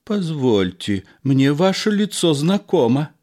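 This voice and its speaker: A man's voice: a little high, sing-song, slow pace, a little mellow, voice pushed up. A man voicing a theatrical old actor. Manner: theatrical, declaiming. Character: theatrical lyrical old actor, dramatic and sentimental.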